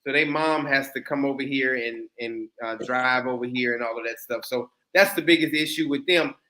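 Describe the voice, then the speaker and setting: This thirty-something channel host keeps a casual livestream chat going, joking around with his guests. He speaks at a moderate pace in a mid-range voice that sounds pushed and bright.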